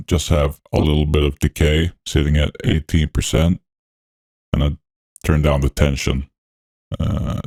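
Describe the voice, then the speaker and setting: A man talking through a voice changer that deepens his voice. He hosts a music production tutorial, narrating each step in a laid-back, technical way with frequent fillers. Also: creaky, mellow, no echo, clean studio sound. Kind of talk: walkthrough narration over a screen recording.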